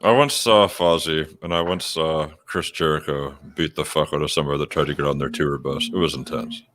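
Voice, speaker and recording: A man's voice: a bass voice, fairly quick, a bit bright. A man hosting an online radio show, telling a casual story and swearing freely. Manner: swears a lot, laid-back storytelling. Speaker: podcast host. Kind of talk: casual chat.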